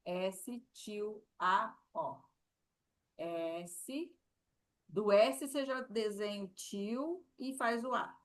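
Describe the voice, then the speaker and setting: In a live sign language class, a medium-pitched woman with a Brazilian Portuguese accent repeats every word while demonstrating it. She is slow and patient throughout.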